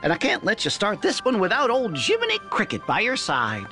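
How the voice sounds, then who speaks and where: Tiny chipper cartoon cricket, super animated, game sidekick, faint music. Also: male voice, high-pitched, fairly quick, exaggerated voice.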